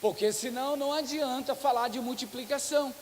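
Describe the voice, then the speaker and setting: A man preaching as a pastor at a conference for cell group leaders, telling lively stories and acting out church members. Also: very high-pitched, brisk. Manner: animated storytelling preacher, acts out church members. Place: church hall. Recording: reverberant hall with faint hiss.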